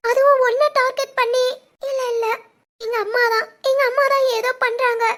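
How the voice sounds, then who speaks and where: Woman voicing a squeaky young cartoon wife. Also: level tone, moderate pace, fairly bright tone. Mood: suspicious. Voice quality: very high, girlish. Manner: tearful and pleading. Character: young wife, fragile, devoted and suspicious. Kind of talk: dubbed cartoon family drama.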